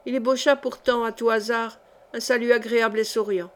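A woman reading a historical novel aloud as an audiobook narrator, with even, clear storytelling. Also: on the high side, fairly quick. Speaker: audiobook reader.

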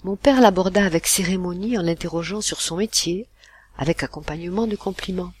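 Audiobook narrator reading a classic story, husky kinda breathy voice, measured and expressive. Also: medium pitch. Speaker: audiobook reader.

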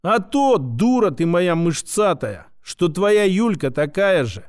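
A man's voice: high-pitched, very animated, a little slow. A man voicing a sarcastic, abrasive plump female scientist who mocks and lectures. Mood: scornful. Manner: mocking, name-calling, lecturing.

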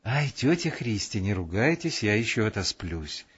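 A man voicing a lively, bossy young woman soldier who talks briskly and cheerfully. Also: lowish voice, breathy edge, lo-fi sound, heavily acted.

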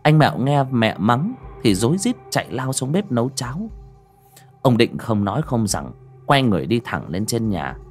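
A man's voice: mid-range voice, big pitch swings, moderate pace. A man narrating a horror audiobook in a dramatic storytelling manner. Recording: narration over faint music.

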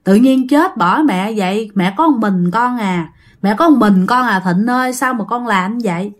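A woman's voice: mid-range voice, normal speed, close to an everyday voice. A woman voicing a heartbroken mother reproaching her dead son. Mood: grieving. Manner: reproachful, grieving.

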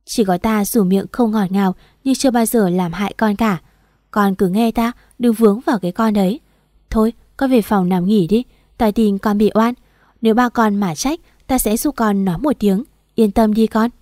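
A motherly older matron who scolds gently and comforts, as a woman puts her on. The voice is warm and mellow, and the sound is dry and close. She is part of a storybook reading. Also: medium pitch, moderate pace, no room sound, natural voice. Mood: gentle. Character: kind-hearted older third wife of the house.

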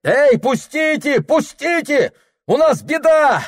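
A man voicing a desperate, furious young son whose shouts break like a boy's. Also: high-pitched, sing-song, slow, voice pushed up, exaggerated voice.

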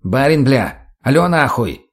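A man voicing a hot-headed, foul-mouthed male junkie who turns shrill when agitated. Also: expressive, moderate pace, breathy edge. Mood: frantic.

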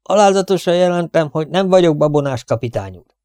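A man doing an eager young soldier in a storybook reading, his voice lifted well above the narrator's, bright and pushing forward. He answers every question in earnest, dutiful bursts, recorded dry and close. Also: a little high, expressive, no echo, pitched above the performer's own voice, lightly acted. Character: eager young male soldier, politely insistent.

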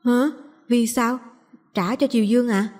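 A woman's voice: fairly high pitch, fairly even intonation, measured pace, a little mellow, big-room sound, faint music behind, pitched above the performer's own voice, close to an everyday voice. A woman voicing a nervous teenage boy in a storybook reading, asking hesitant questions. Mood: uneasy.

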